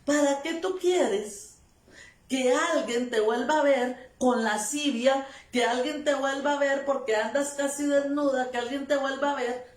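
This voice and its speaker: A woman preaches a sermon in an unhurried, deliberate way, pressing each point with repeated phrases and amens. Her voice sits high. The recording picks her up from some distance in a room with a noticeable echo. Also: fairly even intonation. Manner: emphatic, repetitive, calls of amen.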